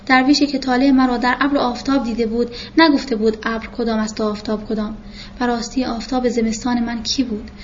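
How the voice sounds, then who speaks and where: A woman narrating a first-person novel in a reflective, measured way, in a muffled recording with faint hiss. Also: on the high side, flat delivery. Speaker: audiobook narrator.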